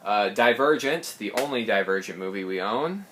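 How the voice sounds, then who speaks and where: A young man, slightly hoarse, chatting casually through his film collection with quick asides and self-corrections. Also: fairly low pitch, animated, fairly bright tone, slight background noise. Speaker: collector showing his films.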